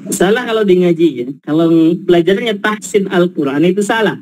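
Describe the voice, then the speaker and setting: A man's voice: sits high, lively intonation, brisk, darkish tone, a little hiss or hum, rough recording. A man from Indonesia teaching an Arabic class, explaining patiently with examples and checking whether his students follow.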